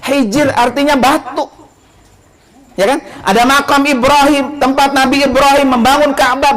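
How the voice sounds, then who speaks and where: A man gives an informal religious talk in a high voice. He is animated, throwing questions out to his listeners and answering them himself. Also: low-quality recording. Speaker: religious speaker.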